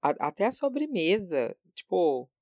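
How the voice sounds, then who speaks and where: A man's voice: high-pitched, sing-song, measured pace, darkish tone, no echo, studio quality. A man from Brazil with a Brazilian Portuguese accent, co-hosting a casual chat in a dramatic, emphatic and teasing way.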